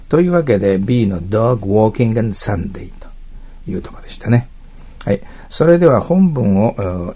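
A man teaching an exam prep lesson, reading English phrases slowly and then explaining them in quick, patient asides. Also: lowish voice, gravelly, warm tone, breathy edge.

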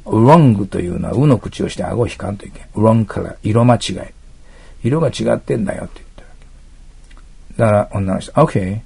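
Gravelly low-voiced man teaching English. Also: animated, normal speed, a little mellow. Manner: explains step by step, asks listeners to mark text. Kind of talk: exam prep lecture.

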